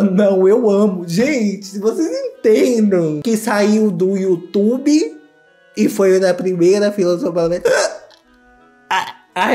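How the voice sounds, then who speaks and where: A man's voice: high-pitched, mellow. A Brazilian man hosting a comedic reaction video, campy and exclamatory, gossiping and gushing as he comments. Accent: Brazilian Portuguese. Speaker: YouTuber host.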